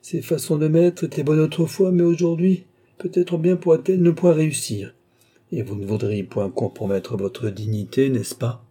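A man reading an audiobook, voicing a calm, sensible young nobleman who speaks patiently. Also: on the high side, moderate pace, husky, voice pushed up.

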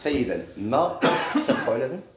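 Fast-talking Moroccan grammar teacher. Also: male voice, medium pitch, sing-song, echoey room, a crowd in the background. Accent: Moroccan Arabic. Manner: explains step by step, quizzing students with questions. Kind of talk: classroom lesson.

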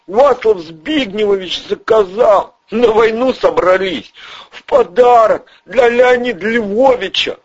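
A man voicing a panicky, pleading red-haired male small-time crook, whiny and shrill. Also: slow, husky, exaggerated voice. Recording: dull lo-fi audio.

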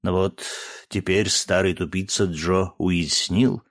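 A man voicing a playful old spaceship artificial intelligence in an audiobook, with a pleasant baritone and a familiar, self-mocking manner. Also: sing-song, moderate pace. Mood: teasing.

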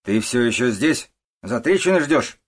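A man with a husky voice voicing a harsh, scolding old working-class mother in an audiobook, shouting and contemptuous. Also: mid-range voice, a little fast, voice pushed up, lightly acted. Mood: furious. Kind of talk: audiobook character voice.

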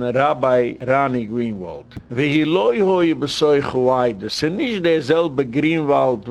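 A rabbi delivers an emphatic lecture in a raised, gravelly male voice, recorded dry and close. He keeps breaking into sharp, high-pitched outbursts and drops English words into his speech. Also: no room sound. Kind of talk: lecture on community problems.

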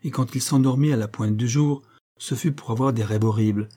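A man narrating a classic novel as an audiobook, reading in a measured, expressive way. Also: mid-range voice. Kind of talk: scripted literary narration.

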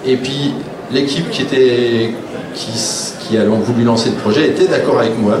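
This male panelist, an author, tells stories casually in a blunt, wry manner, dramatizing the remarks he quotes. His mid-range voice moves at a normal speed amid crowd noise, in a roomy, distant live recording of a public round table held in a room.

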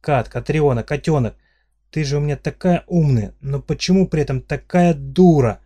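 Male reader plays a brash redhead with a husky voice and gruff comebacks in a fantasy audiobook. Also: medium pitch, steady tone, fairly quick, mellow, lightly acted. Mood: exasperated. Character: brash red-haired young man, blunt and cocky.

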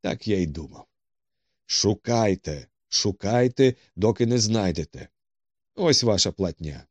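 A cool, dry-witted detective, voiced by a man, giving terse orders in a low, commanding tone. The reading is close and dry, with no room sound behind it. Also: expressive, unhurried, dry recording.

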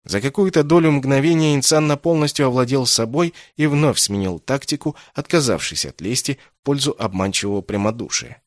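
A man narrating a fantasy novel as an audiobook, in measured, even storytelling. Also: medium pitch, dry recording, clean studio sound. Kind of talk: scripted literary narration.

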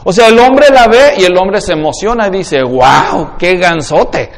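A man's voice: high-pitched, expressive, fairly quick, long reverb tail, crowd noise. A man with a Mexican accent preaching an expository sermon in a conversational way, often asking the congregation questions. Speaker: pastor.

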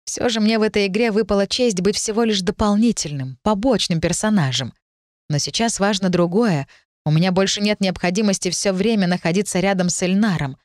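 A woman reading a first-person novel as an audiobook narrator, steady and measured. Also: on the low side, no room sound, clean studio sound.

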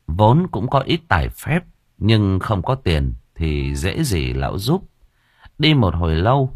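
A man's voice: low-pitched, breathy edge, dry recording, studio quality. A man narrating an audiobook story in a dramatic, vivid way.

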